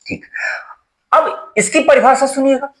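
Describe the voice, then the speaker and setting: A man's voice: very high voice, measured pace. A young man teaching a Hindi exam-prep lesson at a board, repeating key terms and checking with rhetorical questions.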